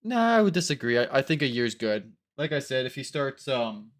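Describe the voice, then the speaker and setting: Animated young man cracking crude jokes. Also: mid-range voice, moderate pace. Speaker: co-host. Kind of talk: casual chat.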